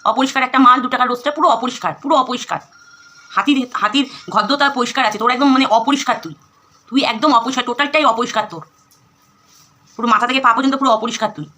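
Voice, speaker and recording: A Bengali woman vlogger talks straight to her viewers in a fast, biting rant. Her voice sits fairly high and sounds sharp and bright. She scolds and mocks with a sarcastic edge. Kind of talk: angry vlog rant.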